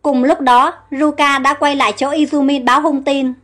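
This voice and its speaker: A woman narrating an audio story in a steady, plain storytelling manner. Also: sits high, normal speed, soft background music.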